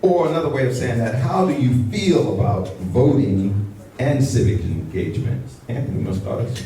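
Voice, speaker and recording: Male panel moderator, lively and teasing, mellow voice, recorded from far off in an echoey hall. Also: mid-range voice, slight background noise. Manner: lively, coaxing, quick to joke. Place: event hall.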